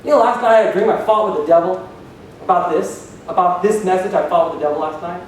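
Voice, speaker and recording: A pastor preaches to his congregation in a high male voice, throwing questions out to the room. His words ring through a large, strongly echoing hall. He sounds set back from the microphone, with a faint low rumble underneath. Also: quick pace. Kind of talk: sermon. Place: church hall. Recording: echoey hall, voice from far off.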